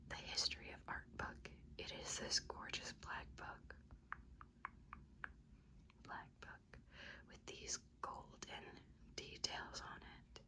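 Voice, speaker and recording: A woman speaking in a soft, breathy, unvoiced library whisper, showing things unhurriedly in an ASMR style. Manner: soft, hushed, unhurried show-and-tell. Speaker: ASMR creator giving a bookshelf tour.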